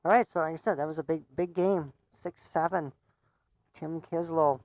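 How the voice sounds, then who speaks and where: A man's voice: fairly high pitch, steady tone, moderate pace, a little mellow, dry recording. A man giving casual live commentary on a pool match. He chats, laughs often, and stumbles over repeated words.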